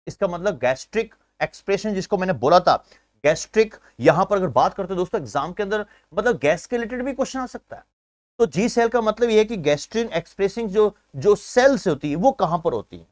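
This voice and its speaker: A man teaching an exam-prep science class, energetic, building memory tricks and calling viewers his friends. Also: sits high, no room sound, clean studio sound. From India. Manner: energetic, uses memory tricks and asks himself questions; keeps addressing viewers as friends.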